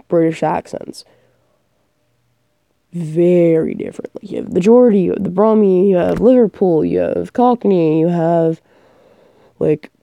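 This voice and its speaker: A young woman audio performer, sick and coughing, chats loosely and rambles, losing her train of thought. Her lowish voice is mellow with a gravelly fry, recorded close and totally dry.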